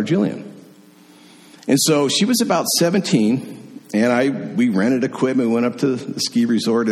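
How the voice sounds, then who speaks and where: A middle-aged man preaching in a church, his voice sitting at an ordinary middle pitch. He tells a personal story in an animated, conversational way. The sound carries a long reverb from the hall.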